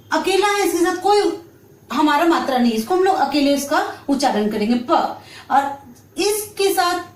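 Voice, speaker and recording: High-pitched lady teacher going syllable by syllable for kids, echoey room, mic a bit far. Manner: slow, drawn-out syllable-by-syllable explanation. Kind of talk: children's Hindi lesson.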